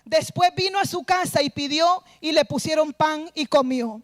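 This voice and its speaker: A woman's voice: high voice, moderate pace, no echo. A woman pastor delivering an earnest sermon, retelling a scripture story and urging the congregation to return to God. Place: church service.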